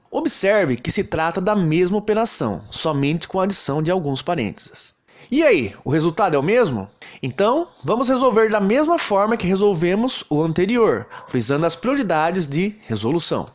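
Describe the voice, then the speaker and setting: Lively Brazilian man teaching a lesson. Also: high voice. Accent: Brazilian Portuguese. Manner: steady, explains step by step. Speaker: programming teacher. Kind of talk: recorded lesson narration.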